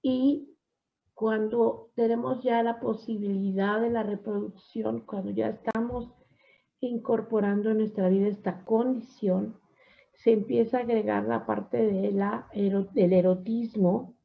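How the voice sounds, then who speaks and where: A woman psychology teacher giving a class lecture, often affirming with a soft "ujú" and asking her students questions. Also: a little high, fairly even intonation, unhurried, vocal fry. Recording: dull lo-fi recording.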